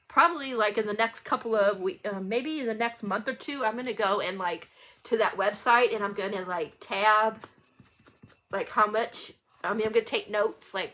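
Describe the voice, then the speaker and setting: A book channel vlogger, a woman, chats casually with viewers in a rambling, informal video and often gets sidetracked. Her voice is medium-pitched with a sharp tone.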